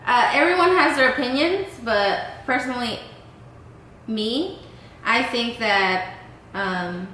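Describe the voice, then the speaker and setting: A woman's voice: a little high, takes it slowly, sharp tone, slight background noise. A woman in her twenties hosting a casual Q&A vlog, chatting loosely with lots of "um" and "like". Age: 20s. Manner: casual, many fillers like "um" and "like". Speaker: vlog host. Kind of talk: casual Q&A chat. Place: indoor lounge room. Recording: echoey room.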